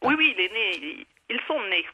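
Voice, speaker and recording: A man's voice: sits high, very animated, brisk, over a noisy crowd. A man calling in to a radio show, chatting casually and thanking the hosts. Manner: chatty and grateful. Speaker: caller. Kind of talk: casual phone call. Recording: phone line with clicks.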